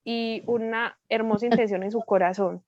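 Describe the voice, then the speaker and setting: A woman with a Colombian accent giving a lively testimony as a guest speaker, acting out the dialogue as she tells it. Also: fairly high pitch, moderate pace, dry recording, muffled recording. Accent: Colombian Spanish. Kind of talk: testimony in a prayer meeting.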